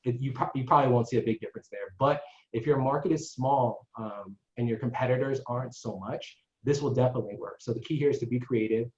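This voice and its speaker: A man's voice: mid-range voice, fast, a little mellow. A man giving a casual marketing webinar to salon owners, chatty and constantly checking in with the listeners. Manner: chatty, tags sentences with "right?". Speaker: marketing consultant presenter. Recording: echoey dull lo-fi online call.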